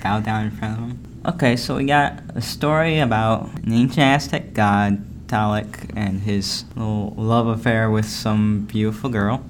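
A man's voice: lowish voice, measured pace, hardly any pauses. Young man hosting a class podcast. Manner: relaxed, plain-spoken, a few fillers. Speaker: podcast host. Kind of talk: casual podcast intro. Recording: faint background noise.

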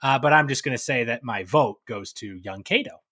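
A man co-hosting a casual podcast chat about a play, talking in lively bursts and reading verse aloud with loud drama. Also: medium pitch, fairly quick, husky. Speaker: podcast co-host.

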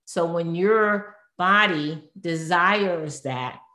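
A woman's voice: lowish voice, extremely slow, bright, forceful tone. Earnest woman therapist in echoey room. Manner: earnest, searching for words, self-correcting. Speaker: therapist guest. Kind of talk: conversational expert talk. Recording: roomy echo.

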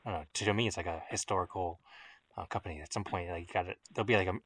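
A man hosts a casual podcast conversation, wandering through his thoughts and padding them with fillers. His voice is low. The recording is dry and close, with no room sound. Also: racing, fairly bright tone, slightly rough, no echo. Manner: rambling, hedging with fillers. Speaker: podcast host.

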